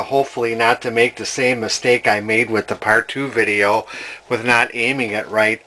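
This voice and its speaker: Here a man with a mid-range, sharp-toned voice narrates his own radio repair video as a hobbyist restorer. He keeps it casual and practical, hesitating and thinking out loud along the way.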